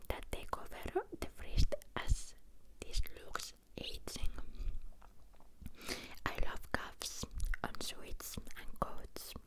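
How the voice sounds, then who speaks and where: A woman reads a book aloud as ASMR, whispering close to the listener's ear in a halting way and stumbling over words now and then. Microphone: close ear-to-ear ASMR microphone.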